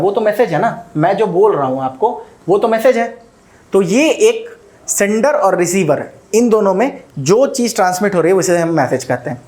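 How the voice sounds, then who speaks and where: A man's voice: high voice, a little mellow. An Indian man teaching a recorded video lesson, mixing Hindi with English and often checking in with "ठीक है?". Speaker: coaching teacher.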